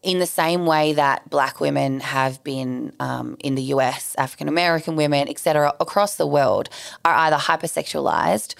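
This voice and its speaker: A woman's voice: sits low, moderate pace, gravelly. A woman with a Sydney Australian accent chatting casually and candidly as a guest, blunt and slangy. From Southwest Sydney, Australia. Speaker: podcast guest.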